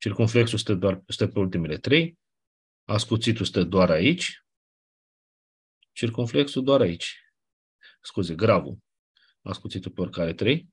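A man teaching a class, explaining step by step and often checking with quick questions. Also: fairly low pitch, lively intonation, breathy edge. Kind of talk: classroom lecture.

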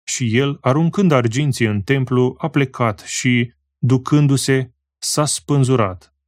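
A man reading scripture aloud in a solemn, slow and measured way, pausing phrase by phrase. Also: mid-range voice, dry recording, clean studio sound. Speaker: scripture reader.

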